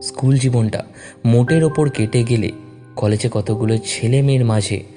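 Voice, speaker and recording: Male storyteller over background music. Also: mid-range voice. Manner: measured, expressive storytelling. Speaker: story reader. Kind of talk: scripted story narration.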